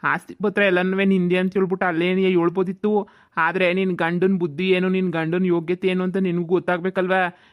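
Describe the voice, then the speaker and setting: A performer voicing a gruff male ghost in a cartoon who scolds and lectures in a commanding way. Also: mid-range voice, flat delivery, a little fast, lo-fi sound, natural voice. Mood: lecturing. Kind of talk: cartoon voice acting.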